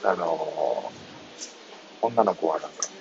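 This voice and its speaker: Man, 30s, deep voice, hushed mumbled chat on a bus, muffled phone audio with traffic noise. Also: takes it slowly, vocal fry. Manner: mumbling quietly, reading listener comments. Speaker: live-stream host. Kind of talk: casual live chat. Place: on a moving city bus.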